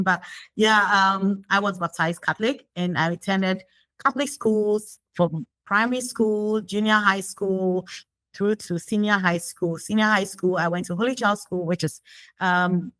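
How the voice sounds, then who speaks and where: A woman speaks in a reflective, conversational way. She often pauses on fillers and restarts her sentences. Her voice sits at a middling pitch and is recorded very dry, with no room sound. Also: a bit bright, no room sound, poor audio. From Ghana. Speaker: guest. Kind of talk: conversational interview.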